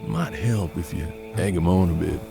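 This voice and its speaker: Over music, an American man speaks low and gravelly at a moderate pace, playing a seasoned Old West bounty hunter who stays unflappable while mentoring his apprentice. The western audio drama gives him a folksy, laconic drawl, and he sounds calm and calculating.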